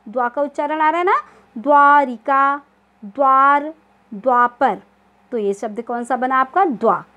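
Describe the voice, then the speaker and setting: A woman teaching a primary school Hindi lesson, patient and repetitive, often checking that pupils understand and sounding out word lists slowly. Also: sits high, a bit bright. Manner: slow, spelled-out syllables in word lists. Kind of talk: online class lesson.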